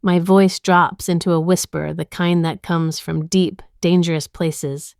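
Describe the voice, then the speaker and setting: A woman narrates a dramatic first-person story in a tense, intimate, measured way. Her voice sits somewhat low. It sounds dry and close, with no room echo. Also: steady tone, vocal fry, a little mellow, smooth.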